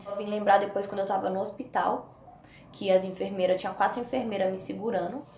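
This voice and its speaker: A woman with a Brazilian Portuguese accent telling a personal story as a vlogger, animated and acting out the voices of the people in it. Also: medium pitch, quick pace. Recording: echoey room with faint noise.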